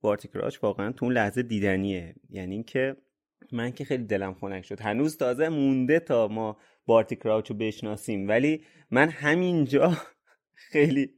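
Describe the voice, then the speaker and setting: A man co-hosting a podcast, chatting casually about a book chapter. He is easygoing and laughs often. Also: medium pitch. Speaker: podcast co-host.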